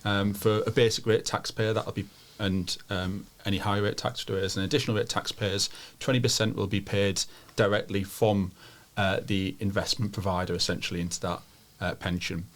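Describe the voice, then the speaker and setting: Low-voiced man explaining things methodically. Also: level tone, moderate pace. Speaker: financial adviser, podcast guest. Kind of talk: informal technical explanation.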